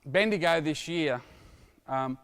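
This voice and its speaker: A middle-aged man coaching a basketball drill, calling out instructions and explaining to watching coaches in an energetic, lively way. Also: on the high side, takes it slowly, clear, resonant tone. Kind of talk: coaching clinic demonstration. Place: indoor basketball court. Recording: long reverb of a large gym.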